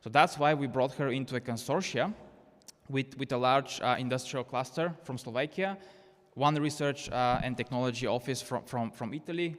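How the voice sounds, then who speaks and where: A Bulgarian man whose first language is Bulgarian gives a keynote conference presentation in a reverberant hall, his mid-range voice a bit bright. He comes across as earnest and persuasive, though he restarts his sentences repeatedly.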